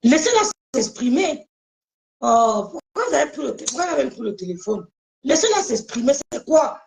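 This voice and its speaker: A woman's voice: high voice, big pitch swings, quick pace, gravelly, a little mellow, rough recording. A woman hosting a casual live stream, speaking emphatically to her viewers and often repeating her phrases.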